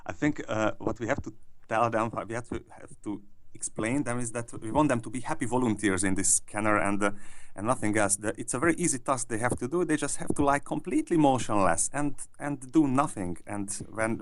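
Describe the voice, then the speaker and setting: A man, a scientist, explaining his research in an interview, with many pauses and restarts. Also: lowish voice. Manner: hesitant, many restarts and fillers. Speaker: neuroscientist interviewee.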